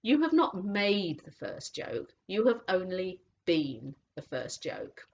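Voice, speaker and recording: A woman voicing a majestic, wise male lion, speaking slowly and solemnly in a dull lo-fi audiobook recording. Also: on the low side, huge pitch swings, creaky, husky, exaggerated voice. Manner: slow and solemn.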